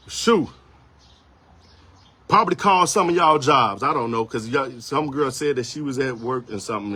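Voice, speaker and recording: A photographer on a livestream rambles defensively in an unscripted monologue, repeating himself, restarting often, and apologizing earnestly. His mid-range voice is bright and forceful with a slightly rough edge.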